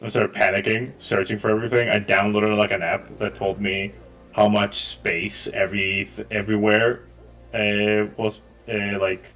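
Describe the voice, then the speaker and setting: A man's voice: fairly low pitch, little pitch movement, moderate pace, a bit bright, rough recording. A man running a tabletop game, chatting casually and telling a rambling story full of restarts and swearing. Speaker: game master. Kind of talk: casual pre-game chat on a voice call.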